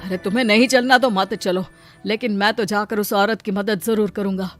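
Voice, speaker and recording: A woman voicing a poor, brave laborer husband in a cartoon story, earnest and quick to exclaim. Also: medium pitch, steady tone, fairly bright tone, faint music behind, natural voice. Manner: earnest, exclaims "arey" a lot. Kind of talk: Hindi cartoon story dubbing.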